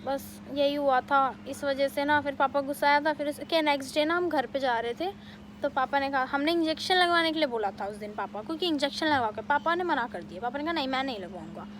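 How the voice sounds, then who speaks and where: A young woman vlogger telling a family story in a casual, animated way, with many fillers. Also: high-pitched, slight background noise. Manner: animated retelling, quick bursts, many fillers.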